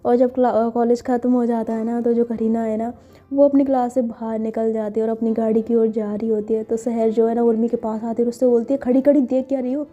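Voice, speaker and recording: Mellow-voiced woman telling a story casually. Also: on the high side, flat delivery, brisk. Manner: chatty, filler-heavy retelling. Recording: dull lo-fi with faint music.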